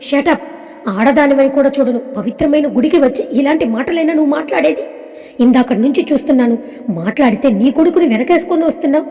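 A woman's voice: sits high, fast talker, dark tone, lightly acted. A woman voicing a stern young man who firmly stresses every word as he defends his fiancée. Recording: long reverb.

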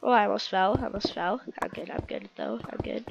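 A young woman who creates gaming videos talks briskly in a gravelly, medium-pitched voice, stuffy as if she's sick. She gives casual commentary while playing, cheering and groaning at events, with background noise present.

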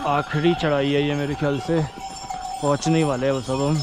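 Riding a horse on a mountain trek, a young man narrates his travel vlog with casual chatter and frequent exclamations. His voice is slightly high and level, a bit quick, with noise in the background.

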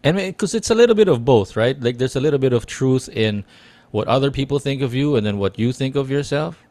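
With a darkish tone and lively intonation, this mid-range male voice moves at a quick pace. He's a Tagalog-speaking Filipino co-host on a casual video-call podcast, sitting in a small curtained room indoors with a headset and studio mic. He muses aloud, circling back and restarting many times.

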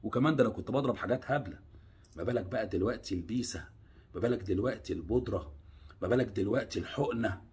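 A young man with an Egyptian Arabic accent gives an earnest, pleading warning to his viewers, jumping from loud urging to low hushed lines. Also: racing, husky. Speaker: vlogger. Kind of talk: personal warning monologue.

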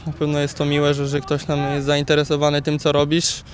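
A young footballer in his twenties answering interview questions outdoors beside a pitch, halting with many repeated words. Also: monotone. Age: 20s. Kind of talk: post-training interview. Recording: faint outdoor noise.

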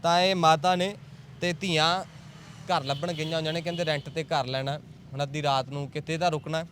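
A man's voice: a little high, fairly even intonation, brisk, fairly bright tone. A man reporting from a street at night for a news channel, earnest and emotive, asking rhetorical questions before interviewing people. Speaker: field reporter. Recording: faint traffic noise outdoors.

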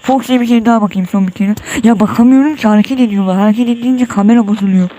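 A man's voice: high-pitched, rapid-fire, warm tone, slight background noise. A nervous man commenting on his horror game run, muttering prayers and yelping when startled. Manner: tense, jumpy, muttering prayers and exclamations. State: sweating, nervous. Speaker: gamer.

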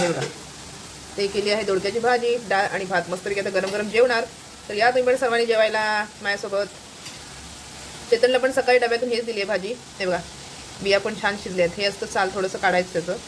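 A woman chatting to viewers in a casual home vlog, showing what she cooks. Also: mid-range voice. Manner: chatty, addresses viewers as friends, shows food. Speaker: vlogger. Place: home kitchen. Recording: home video with noise.

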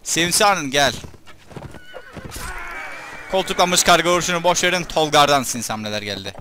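A young man giving casual commentary over his gameplay, chatting to his troops and breaking into loud excited shouts during fights. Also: on the high side, moderate pace, slight background noise. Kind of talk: let's play commentary.

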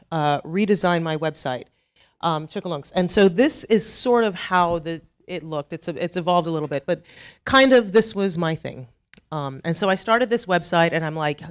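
Her voice sits on the low side and sounds smooth as this middle-aged woman from Trinidad addresses a conference hall. Speaking with a Trinidadian accent, she keeps the talk chatty and self-deprecating, peppered with asides.

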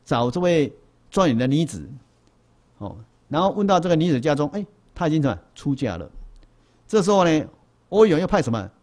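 A man, a Buddhist monk, lecturing in a hall and telling a long story with lively exclamations. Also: on the high side.

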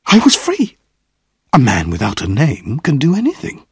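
A man narrating a graded-reader story in a deliberate, expressive storytelling manner, close to the mic. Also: a little high, husky, no echo.

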